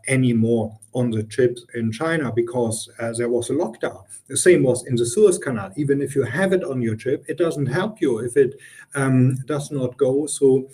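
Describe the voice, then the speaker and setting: Mellow and medium in pitch, this middle-aged guest consultant from Germany speaks with a German accent. In an interview he talks through business matters earnestly, with plenty of ums and false starts.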